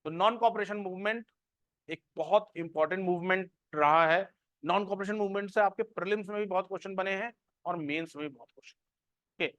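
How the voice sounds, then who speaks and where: A man teaching a coaching class, mixing Hindi with Indian-accented English and slowly repeating notes for dictation. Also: sits high, fairly bright tone, no room sound, dull audio. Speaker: history teacher for civil service exam coaching.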